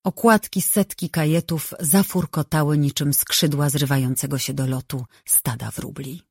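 An audiobook narrator reading a novel in a measured, even way on a close microphone. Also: medium pitch, slightly rough, dry recording.

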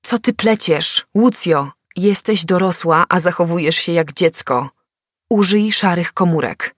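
A woman's voice: on the low side, a little slow, no room sound, studio quality. A woman reading an audiobook, voicing an angry young man who speaks reproachfully and hisses through clenched teeth. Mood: scornful.

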